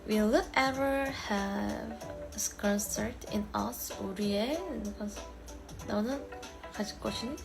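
A young woman hosting a live stream, chatting playfully with viewers in a mix of her own language and halting English. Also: medium pitch, vocal fry, music in the background. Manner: mixes Korean and halting English, playful and bubbly. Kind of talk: casual live chat with viewers.

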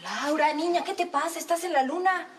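A woman's voice: high-pitched, brisk, slight background noise, close to an everyday voice. An actress playing a strict, impatient mother who scolds in an exasperated way. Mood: scolding.

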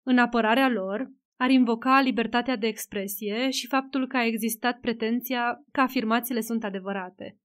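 Female narrator as tired male politician; measured, soft-spoken, audiobook. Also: a little high, steady tone, lightly acted. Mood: grave. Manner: quiet, measured. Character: weary calm male politician.

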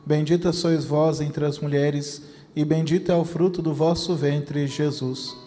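A man with a Brazilian Portuguese accent reciting the rosary in a steady chant. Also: on the high side, unhurried, faint music behind. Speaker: rosary prayer leader. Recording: long reverb with faint noise.

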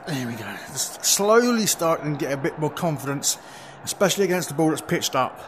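Man, casual game commentary, headset mic, noisy background hiss. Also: fairly high pitch. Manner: relaxed, chatty running self-commentary with quick exclamations. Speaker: gaming video creator. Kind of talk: live commentary while playing a VR cricket game. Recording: steady background noise.

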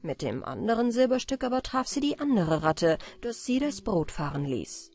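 A woman reading a fairy tale aloud as a bedtime audiobook, calm and expressive. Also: fairly high pitch, normal speed, husky, no room sound, studio quality. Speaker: audiobook reader.

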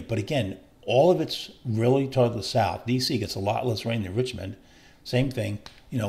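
A man's voice: mid-range voice, vocal fry, darkish tone. A man walking through weather maps in a chatty forecast, rambling and often correcting himself. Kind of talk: casual forecast walkthrough over maps.

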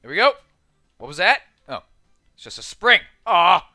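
Excitable high-pitched man gaming. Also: normal speed, gravelly, faint music behind. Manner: excitable, chatty, self-deprecating, lots of exclamations; talks to himself while playing on a keyboard. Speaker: gaming video host. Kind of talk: casual let's-play commentary.

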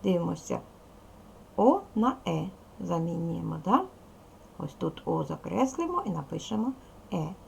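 A woman's voice: on the low side, lively intonation, a little slow, gravelly, long pauses, darkish tone, a little hiss or hum. A woman teaching second graders in a recorded video lesson, patiently spelling out sounds and syllables one by one. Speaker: primary school teacher.

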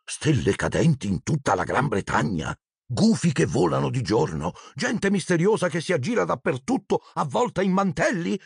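A man narrating an audiobook in an expressive storytelling manner. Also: fairly high pitch, moderate pace, vocal fry, husky, dry recording, studio quality. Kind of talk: scripted narration.

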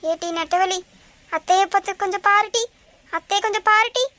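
A woman's voice: very high-pitched, brisk, pushed and bright, dry recording. A woman voicing a bossy, scolding older mother-in-law in a cartoon. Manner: scolding, nagging. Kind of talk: cartoon voice acting.

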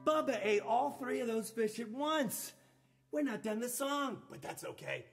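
A man performing as a children's musician leads a playful, upbeat live-streamed sing-along, calling out to young listeners over a loud acoustic guitar. His very high voice is animated, with vocal fry and a measured pace, picked up by a live-stream microphone.

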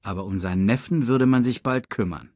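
A man reading a children's story aloud in a slow, dramatic storytelling manner. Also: no echo, clean studio sound. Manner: slow and dramatic, very lively in pitch. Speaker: audiobook reader. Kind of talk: storybook narration.

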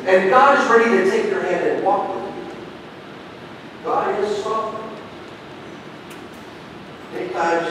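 A middle-aged man preaching a sermon from a pulpit, telling stories and swinging between booming emphasis and hushed, quiet passages. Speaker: pastor. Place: large church sanctuary, at a pulpit. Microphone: pulpit gooseneck mic. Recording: echoey church hall from a distance, with rumble.

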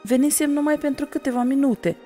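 A woman's voice: high voice, dark tone, in a large hall, faint music behind, voice pushed up, natural voice. A woman voicing a kind, worried young girl, pleading and urgent, in a storybook reading.

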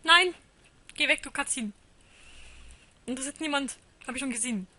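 A woman chats casually through a horror game and reads its text aloud. Her voice is bright and sharp. When she gets scared she chants the same word over and over in a panic. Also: high-pitched, brisk. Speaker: let's play gamer. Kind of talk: casual live game commentary.

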